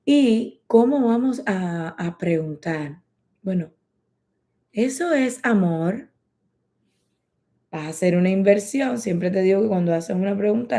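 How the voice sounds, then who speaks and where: A woman teaching English in a lesson, slowly repeating phrases for learners to practice. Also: mid-range voice, gravelly, warm tone. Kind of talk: bilingual language lesson.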